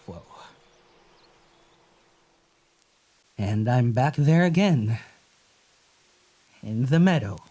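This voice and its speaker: In a naturalistic audio drama, an actor plays a gentle, wary young traveler, speaking slowly in a hesitant, musing way. The voice is medium in pitch with lively intonation, and the mood is awed and reflective.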